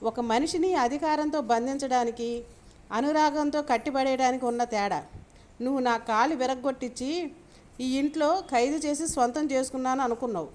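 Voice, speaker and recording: A woman's voice: high voice, normal speed, darkish tone, close to an everyday voice. A woman reading the lines of an earnest, preachy young man in a novel. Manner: earnest, lecturing.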